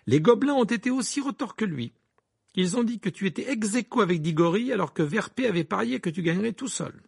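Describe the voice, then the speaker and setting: A man's voice: sits high, animated, brisk, vocal fry, breathy edge, voice pushed up, heavily acted. A man voicing an aggrieved teenage twin boy in an audiobook, recounting a grievance with rising exclamations.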